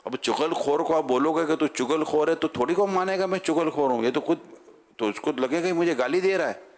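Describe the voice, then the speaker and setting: Lively, fairly high-voiced male preacher. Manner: lively and rhetorical, with questions to listeners; leads the audience in loud chanted slogans. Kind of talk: religious sermon to a gathering.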